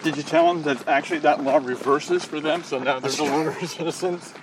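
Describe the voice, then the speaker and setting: A man's voice: on the high side, fairly even intonation, fairly quick, far from the mic, noisy background. Joking man off-mic outdoors. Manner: joking, teasing, frequent backchannels. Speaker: podcast co-host. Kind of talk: casual chat. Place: outdoors on a run.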